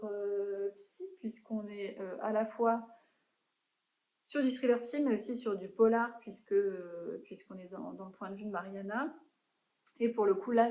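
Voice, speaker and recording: A woman's voice: medium pitch, dark tone, echoey room, poor audio. A young woman chatting casually about books she has read, in a hesitant way with frequent fillers and restarts. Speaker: book vlogger. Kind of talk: casual book review chat.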